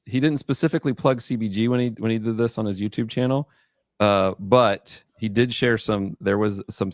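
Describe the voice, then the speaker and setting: A man's voice: on the low side, dry recording, clean studio sound. A man hosting a podcast, asking questions in an easygoing, hesitant way. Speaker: podcast host. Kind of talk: casual podcast chat.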